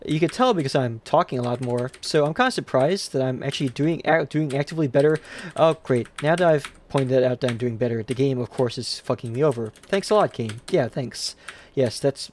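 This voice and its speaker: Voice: medium pitch, darkish tone, a little hiss or hum. A livestreamer giving rambling, self-mocking live commentary while playing, swearing and raging at the game.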